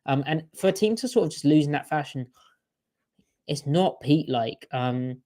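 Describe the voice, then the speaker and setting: A man's voice: on the high side, animated, moderate pace, dark tone. A man co-hosting a podcast in casual sports chat, talking in a chatty way with strings of rhetorical questions. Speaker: podcast co-host.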